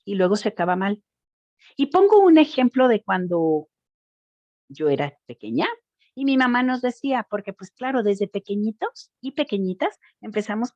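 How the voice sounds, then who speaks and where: A woman's voice: fairly high pitch, no room sound, muffled recording. A woman giving an informal school talk on gender violence, speaking expressively and addressing the audience directly. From Mexico.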